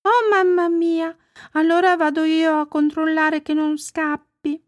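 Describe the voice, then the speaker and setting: A woman voicing a small eager girl in a storybook reading, high and excited. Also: a little slow, no echo, clean studio sound.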